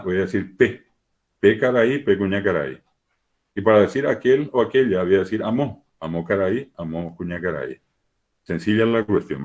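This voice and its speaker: A man's voice: low-pitched, darkish tone. A man teaching a lesson, explaining patiently and steadily with many repeated examples over what sounds like a video call. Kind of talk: lecture.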